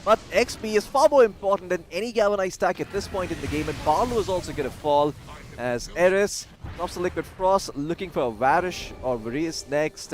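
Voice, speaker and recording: A man's voice: on the high side, a little hiss or hum. A man casting a live esports match, chatty and jokey, with self-deprecating asides. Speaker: esports caster. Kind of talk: live game commentary.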